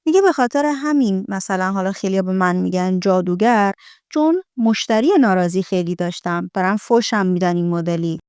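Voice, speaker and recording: Woman teaching English, smooth and dry. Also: medium pitch, darkish tone, dry recording. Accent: American English. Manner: repeats lines slowly, then explains. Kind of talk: explaining film lines in an English lesson.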